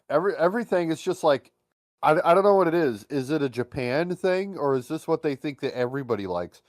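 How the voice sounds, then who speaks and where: A man co-hosting a podcast in casual chat, animated and crude, often swearing and slipping into mocking voices. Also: medium pitch, no room sound, clean studio sound. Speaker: podcast co-host.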